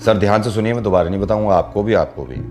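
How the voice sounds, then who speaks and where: A male radio host chatting playfully with a caller, telling jokes and riddles in a teasing, animated way. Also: on the low side, very fast, soft background music. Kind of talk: playful prank call chat.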